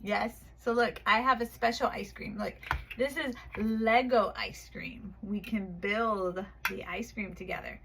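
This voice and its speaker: A woman, an online English teacher, talking calmly to viewers and then teaching a young child in slow, exaggerated, cheerful speech from her home at night. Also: mid-range voice, a little hiss or hum.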